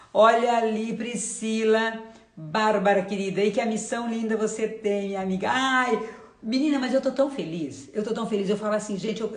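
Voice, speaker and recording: A woman's voice: a little high, echoey room. A woman with a Brazilian accent giving an informal, effusive faith testimony on a live stream, often repeating short phrases. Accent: Brazilian Portuguese. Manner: informal and effusive, calls the audience "gente". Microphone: live-stream setup, camera or phone.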